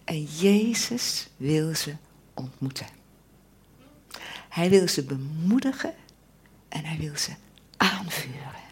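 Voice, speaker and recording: A woman preacher giving a sermon, slow and emphatic, often dropping into an intense whisper. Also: slightly rough. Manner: slow and emphatic, with lively swings of pitch.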